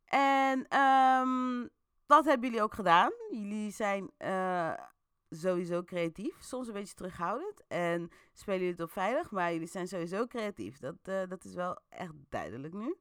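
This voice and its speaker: A woman's voice: medium pitch, lively intonation, moderate pace, fairly bright tone, clean tone, no echo, clean studio sound. A woman hosting an interactive story, narrating casually with a chatty, playful manner and many fillers. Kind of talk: casual storytelling with audience votes.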